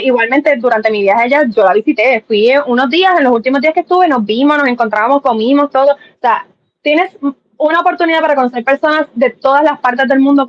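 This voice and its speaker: A young Puerto Rican woman chatting on a live stream, animated, dropping English words and acting out quotes. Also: on the high side, lo-fi sound. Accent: Puerto Rican Spanish. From Puerto Rico. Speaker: former pageant contestant, guest.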